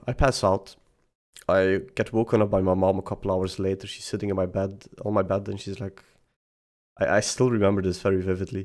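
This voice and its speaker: A young man speaking unscripted, halting and repeating words as he tells a personal story, tearful at times. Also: deep voice, vocal fry, darkish tone. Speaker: vlogger.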